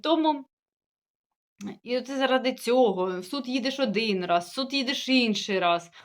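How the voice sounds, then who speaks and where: A woman's voice: fairly high pitch, expressive, normal speed. A young woman with a sore throat, chatting casually to her viewers about everyday matters. She rambles and restarts, sounding puzzled. Her first language is Russian. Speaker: village-life vlogger. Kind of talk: casual talk to camera.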